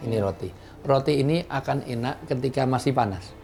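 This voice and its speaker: A middle-aged man, a preacher chatting casually as a guest and explaining things in short, halting phrases. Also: medium pitch, a little mellow, faint music behind.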